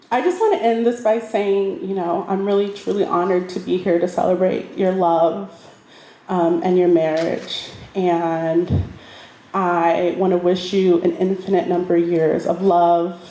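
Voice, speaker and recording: A woman's voice: lowish voice, warm tone, a little hiss or hum. A woman giving an earnest, heartfelt wedding toast to her friend at a reception. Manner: earnest, with pauses and fillers. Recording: echoey reception hall.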